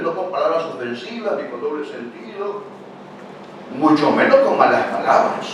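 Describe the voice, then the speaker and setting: A man's voice: fairly high pitch, noisy background. Older male pastor in an echoey hall. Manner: conversational preaching with frequent rhetorical questions. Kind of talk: sermon. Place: church hall. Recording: very echoey church hall, picked up from a distance.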